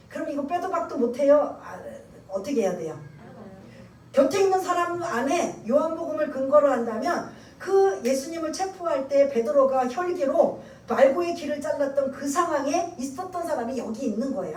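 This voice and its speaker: A woman pastor preaches with a high voice, acting out the scene and questioning her congregation. She sounds distant and echoey, caught from across a church sanctuary, with a faint hiss of room noise behind her. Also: a little mellow. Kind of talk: sermon.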